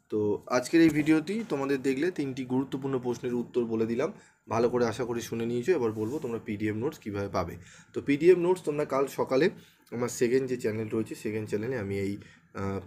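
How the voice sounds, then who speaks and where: A man's voice: medium pitch, mellow, slight background noise. A man teaching an exam-prep lesson to students, often checking in with rhetorical questions and repeating key points. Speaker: exam tutor.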